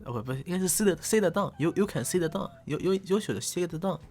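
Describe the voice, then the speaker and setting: With faint music behind him, a young man talks to his channel's viewers in a high, animated, slightly mellow voice at a fairly quick pace. The banter is playful and teasing, full of joking self-mockery and exaggerated English words, picked up by a desk condenser mic.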